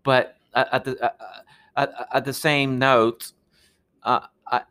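Earnest Peruvian-born man, halting speech. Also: mid-range voice, flat delivery, sharp tone, smooth. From Peru. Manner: earnest, halting with many restarts. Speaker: guest, architect. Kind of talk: podcast interview.

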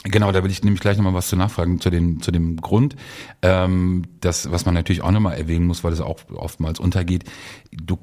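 A man's voice: sits low, level tone, a little fast, warm tone. A man co-hosting a casual talk, framing topics and asking his partner questions. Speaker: podcast co-host. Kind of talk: casual chat.

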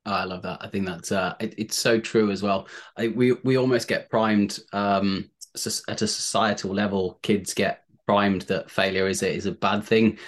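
A podcast host, a man with a fairly low voice. He responds with enthusiasm, rambling and restarting his sentences as he goes. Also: steady tone, normal speed, hardly any pauses. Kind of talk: conversational podcast interview.

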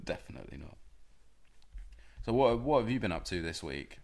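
A man chatting on a podcast with a somewhat low voice. He talks loosely and argues his point, swearing now and then. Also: big pitch swings, normal speed, creaky, a little mellow. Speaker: podcast co-host. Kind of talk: casual chat.

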